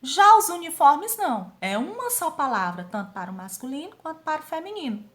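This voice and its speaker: Brazilian woman teaching, drawn-out emphasis. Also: sits high, very animated, fairly bright tone. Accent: Brazilian Portuguese. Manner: slow, drawn-out emphasis on key words, quizzing students. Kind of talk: grammar review lesson for sixth graders.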